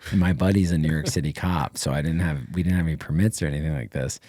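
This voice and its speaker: A middle-aged man, a former Navy SEAL, telling stories as a guest in a casual podcast interview, with lots of fillers and an energetic, rambling style. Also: rumbling low, fast talker, no echo, clean studio sound.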